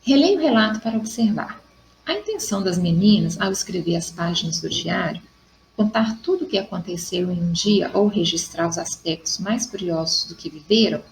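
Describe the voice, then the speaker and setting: A woman's voice: lowish voice, lively intonation, moderate pace, gravelly, a little hiss or hum, rough recording. A Brazilian woman teacher with a Brazilian Portuguese accent, patiently correcting exercises step by step in a recorded class lesson. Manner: patient, explains step by step, checks in with ok.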